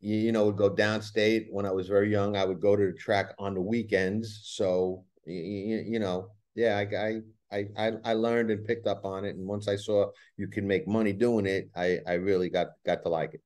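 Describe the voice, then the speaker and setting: A man from New York, USA, with a Brooklyn accent, appears as a guest on a conversational podcast, where he works as a horse racing handicapper. His voice sits on the low side and is a little mellow, with little pitch movement, a moderate pace and few pauses. He often repeats words as he explains.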